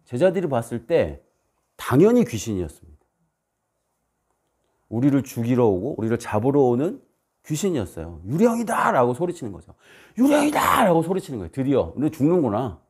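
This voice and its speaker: A man preaching a sermon as a missionary, telling stories and acting out the voices and shouts in them. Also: medium pitch, slightly rough. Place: church.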